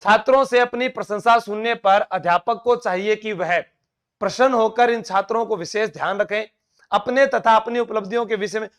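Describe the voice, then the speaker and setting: Man, Rajasthani Bagri accent, high voice, coaching teacher, chatty and coaxing, live online class. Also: a bit bright. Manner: chatty, coaxing, mixes in local dialect.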